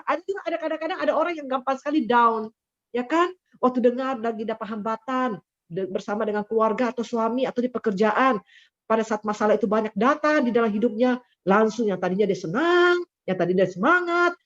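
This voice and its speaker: Woman preacher, animated and expressive, heard through muffled video call audio. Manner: animated, acts out quoted people in high voices. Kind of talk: sermon over a video call.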